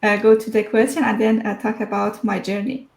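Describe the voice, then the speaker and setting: A woman's voice: mid-range voice, fairly even intonation, a little fast, vocal fry, darkish tone, reverberant, low-quality recording. A woman in her thirties from Iran, a guest telling her story over a video call, hesitant with many fillers. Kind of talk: online interview.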